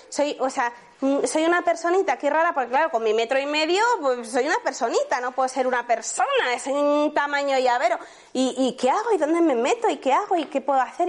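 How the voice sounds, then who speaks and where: Woman, laughter workshop leader, high voice, chatty, asks the audience questions. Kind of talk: live workshop talk to an audience. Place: room with a live audience.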